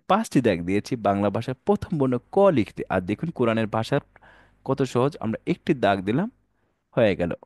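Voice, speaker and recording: Man teaching quran reading online, lowish voice that swings up and down a lot, drops english words in, dry close mic. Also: darkish tone, no room sound. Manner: addresses viewers as dear brothers and sisters, calls out letters for them to repeat; mixes English words into his speech.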